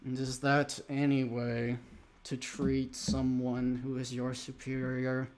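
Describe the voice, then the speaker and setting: A man voicing a dark, rumbling male servant in a tabletop game, speaking slowly and scornfully. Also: completely flat delivery, close to an everyday voice. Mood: indignant.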